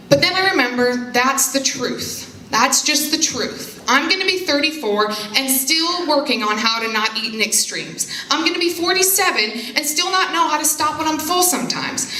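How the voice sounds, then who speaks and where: A woman's voice: high voice, pushed and bright, a little hiss or hum. Brief: young woman speaking on stage, candid and self-mocking, echoey room. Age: young adult. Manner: candid, self-deprecating humor. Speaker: foundation spokesperson. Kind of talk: personal speech to an audience. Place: stage before a live audience.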